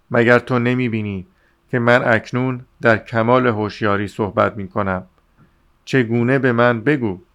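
A man's voice: medium pitch, a bit bright, clear, resonant tone, lightly acted. A man reading the lines of a bitter, agitated young man who begs his friends to leave him alone. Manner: bitter, breathless pleading.

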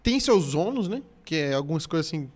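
A man's voice: a little high, sing-song, a little fast, a little mellow. A man, a comedian chatting casually on a podcast, rambling with many restarts and jokes.

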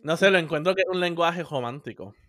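Young Puerto Rican man, casual talker, slightly high, dry close sound. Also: quick pace, fairly bright tone, dry recording. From Puerto Rico. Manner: chatty, mixes English words into Spanish. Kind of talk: casual chat.

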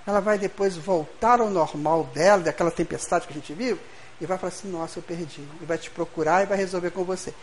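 A man's voice: high voice, a little fast, a little hiss or hum. A middle-aged man with a Brazilian Portuguese accent, leading a study group with a spiritual lecture, speaking folksily and acting out little dialogues as he addresses the group.

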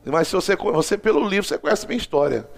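A man's voice: high-pitched, animated, racing, gravelly, faint music behind. A man preaching a fervent sermon, exhorting the congregation and acting out dialogue. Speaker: apostle preaching.

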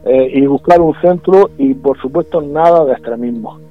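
This is a male voice in the middle range, speaking at a moderate pace with a Murcian Spanish accent; he comes from Puerto Lumbreras in the Murcia region of Spain. In the role of a regional politician on radio, he insists on his arguments, frequently starting over and repeating himself. Music plays behind a dull, lo-fi radio sound.

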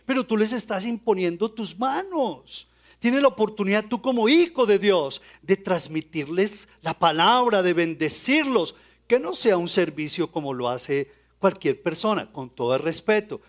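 Male preacher with a high voice, playful sermon delivery, fires questions at the congregation. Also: animated. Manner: asks the congregation quick rhetorical questions; joking, playful asides.

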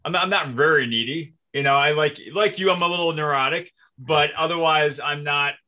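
Bright-voiced chatty Minnesotan man. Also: on the high side, a little fast. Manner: chatty, self-deprecating storyteller. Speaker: podcast guest. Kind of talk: casual conversation.

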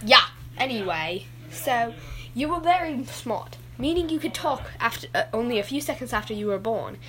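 A woman's voice: on the high side, expressive, moderate pace, sharp tone, low-quality recording. A woman voicing a goofy, rambling adult male dad who keeps getting sidetracked in his story.

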